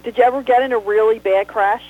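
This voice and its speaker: A radio host interviewing a guest, curious and quick to laugh. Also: mid-range voice, fairly even intonation, no room sound. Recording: tinny phone-like line.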